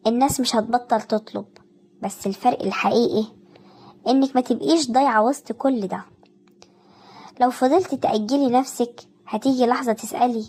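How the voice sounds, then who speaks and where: Breathy Egyptian woman narrating softly. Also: fairly high pitch. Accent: Egyptian Arabic. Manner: soft, intimate, speaking directly to the listener. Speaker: narrator of a self-care video. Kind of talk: scripted motivational narration.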